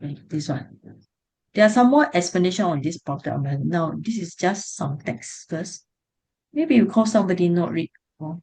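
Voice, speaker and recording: Singlish-speaking woman teacher, lowish voice. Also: animated, moderate pace, mellow. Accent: Singaporean or Malaysian English. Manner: colloquial Singlish phrasing with tag words like "ah". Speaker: teacher leading an online Buddhist class. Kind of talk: explanatory lesson with checks on students. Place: online video call class.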